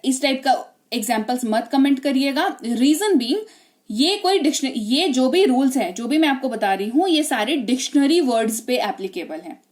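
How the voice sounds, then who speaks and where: An Indian-accented woman teaching English spelling rules, chatty and often checking in with tag questions. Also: high-pitched. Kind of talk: spelling lesson explaining rules.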